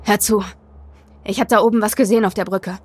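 A woman's voice: mid-range voice, fairly even intonation, fairly quick, a little mellow, slight background noise, natural voice. A woman reading aloud and voicing a frightened young man who talks brusquely and shakily. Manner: brusque, shaky. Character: scared, rough young man, brusque then stammering.

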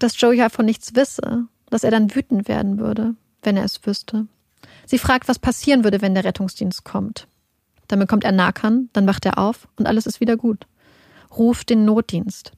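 A woman narrating a true-crime story in a measured, calm way. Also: medium pitch, vocal fry, no echo, studio quality.

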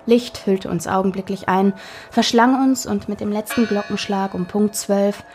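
A woman tells a spooky tale in a measured, steady storytelling manner. Her voice sits at a mid pitch, and soft music plays faintly behind the reading. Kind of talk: scripted story narration.

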